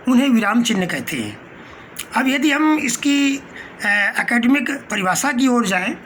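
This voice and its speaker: A man's voice: very high-pitched, a bit bright. A man gives a lesson in a patient, explanatory way, breaking his phrases with small fillers. He often repeats a term in plainer words before moving on. A faint noise sits under his voice. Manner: patient and explanatory, glossing Hindi terms with English words; pauses mid-phrase with short fillers. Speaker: teacher. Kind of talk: spoken lecture.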